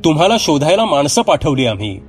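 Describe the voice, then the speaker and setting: A man's voice: on the high side, sing-song, fairly quick, soft background music, voice pushed up. A man voicing an older village headman who scolds the young guests in a fatherly way. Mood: scolding.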